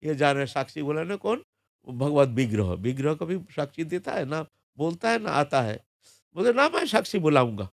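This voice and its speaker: A man tells a devotional story in an animated, conversational way and keeps checking in with his listeners. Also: fairly high pitch, normal speed, gravelly, dry recording, clean studio sound. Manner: animated, conversational, with frequent tag questions. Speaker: religious storyteller, monk.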